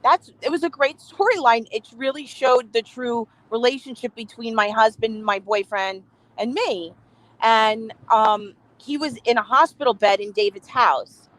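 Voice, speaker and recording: A woman guest, a reality TV cast member, chats casually in an interview over a remote video call with a bad connection, emphatic and often laughing. She speaks at a measured pace in a slightly high, a bit bright voice. The recording is rough.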